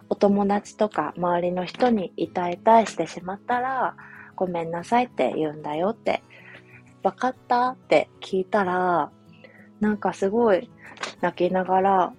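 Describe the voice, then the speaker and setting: A young woman, a mother, telling a personal family story in a soft, reflective, casual way with many fillers. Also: fairly low pitch. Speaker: podcast host, mother. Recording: faint music behind.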